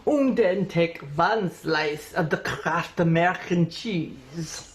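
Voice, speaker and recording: A woman's voice: fairly low pitch, takes it slowly, a little hiss or hum. A woman voicing a teasing young man who gives mock-formal instructions in a fake German accent.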